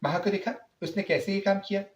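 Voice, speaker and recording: A man's voice: high-pitched, fairly even intonation, pitched above the performer's own voice, natural voice. A man voicing a spiteful, scheming middle-aged mother who taunts bitterly in a spoken story. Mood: taunting. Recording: roomy, slightly dull recording.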